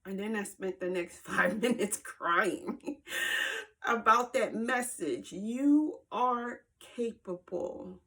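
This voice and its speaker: A woman speaking slowly and earnestly in a personal vlog, emotional and near tears, repeating words for emphasis, filmed on her own camera at home. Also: medium pitch, pushed and bright. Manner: slow, heartfelt, emphatic repetition. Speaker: vlogger. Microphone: handheld camera.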